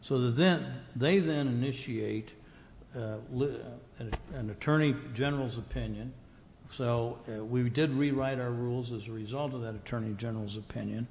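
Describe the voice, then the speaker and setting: Deliberate man pressing his point in a reverberant hall. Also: medium pitch, darkish tone, slight background noise. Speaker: state board member. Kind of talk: board meeting debate. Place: meeting room.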